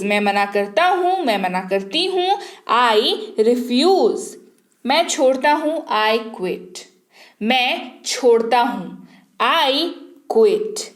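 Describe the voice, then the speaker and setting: Woman English teacher with a high voice, drills phrases with slow repetition, roomy sound. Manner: slow, repeats each phrase twice. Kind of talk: spoken English lesson.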